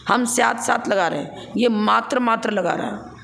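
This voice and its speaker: A woman's voice: a little high, normal speed, gravelly, fairly bright tone, a little hiss or hum. A woman teaching a scripture class. She explains each point step by step, poses rhetorical questions and chuckles as she recites.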